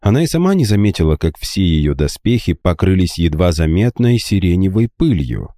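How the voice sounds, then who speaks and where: A man with a low, dark voice narrates a fantasy audiobook. His reading rises and falls expressively. The recording is dry and close. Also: moderate pace, no room sound. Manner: expressive storytelling.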